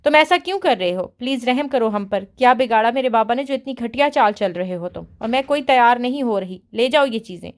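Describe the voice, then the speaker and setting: A woman doing a young captive with a fairly high voice, caught between fear and defiance. She speaks in a tearful, pleading way but snaps back sharply. This is an audiobook character voice. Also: lively intonation, hardly any pauses, natural voice.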